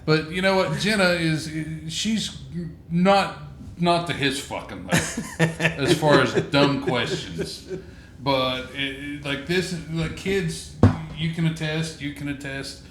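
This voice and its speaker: A man's voice: on the high side, takes it slowly. A man on a casual podcast chat, blunt and wry, cursing freely. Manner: blunt, swears a lot, wry. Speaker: podcast co-host. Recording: echoey room with faint background noise.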